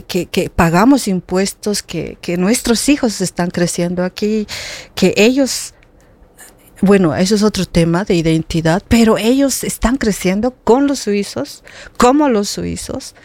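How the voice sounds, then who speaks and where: In a relaxed conversation, this earnest middle-aged woman from Bolivia often falters and repeats words as she looks for what to say. She talks a little slowly, with lively intonation and a darkish, mid-range voice; the recording is dry.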